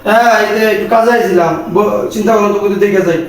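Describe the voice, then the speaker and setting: A man's voice: high-pitched, steady tone, rapid-fire, slight background noise. An older man with a Bangladeshi Bengali accent playing a commanding father-in-law who scolds his son-in-law. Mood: stern. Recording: echoey room, mic far off.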